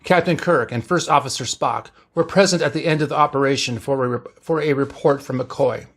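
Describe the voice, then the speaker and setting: A man reading fan fiction aloud as narrator, in a steady, plain storytelling way. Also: mid-range voice, fairly quick.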